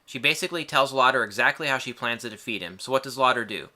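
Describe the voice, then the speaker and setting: A man's voice: mid-range voice, quick pace, sharp tone. A man reading a scripted film review in a casual way, with wry, joking asides.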